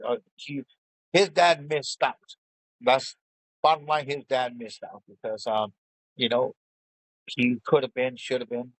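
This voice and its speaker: A man's voice: medium pitch, breathy edge, no echo, low-quality recording. A middle-aged man in casual chat, telling stories bluntly and swearing freely. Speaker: show co-host.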